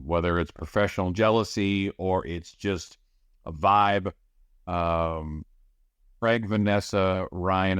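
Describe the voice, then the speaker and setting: With a low-pitched, clean tone and no room sound, a middle-aged radio play-by-play announcer chats through a casual podcast interview. His answers ramble, and he keeps restarting his thoughts.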